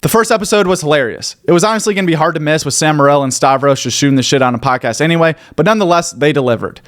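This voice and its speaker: A man hosting a comedy news update in a brisk, jokey delivery. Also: a little high, a little hiss or hum. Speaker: host.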